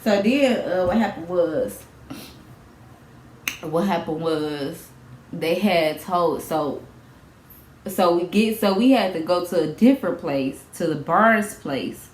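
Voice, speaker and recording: A young woman, telling a casual storytime vlog with lively, animated delivery and frequent laughs. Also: fairly low pitch, slow, long pauses. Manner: animated storytelling, acts out quotes, laughs often. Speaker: vlogger. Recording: echoey room, faint background noise.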